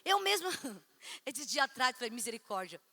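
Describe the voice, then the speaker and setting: A woman's voice: a little high, very animated, moderate pace, pushed and bright. A woman pastor preaching at a church conference, chatty and storytelling, acting out conversations. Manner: chatty, storytelling, acts out dialogue. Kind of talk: conference sermon. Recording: echoey church hall.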